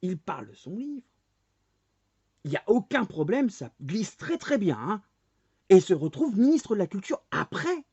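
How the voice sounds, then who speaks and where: Here a forties-aged man vlogs an angry rant straight to camera, firing rhetorical question after rhetorical question at viewers. He speaks at a moderate pace in a high, sing-song, mellow voice with a breathy edge. There's no room sound on this dull, dry lo-fi recording.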